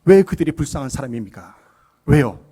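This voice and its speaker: A middle-aged man preaches a Sunday sermon in a church. His voice sits a little high and sounds husky. He speaks earnestly, often putting questions to the listeners. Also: expressive, fairly quick, mellow. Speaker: pastor. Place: church sanctuary.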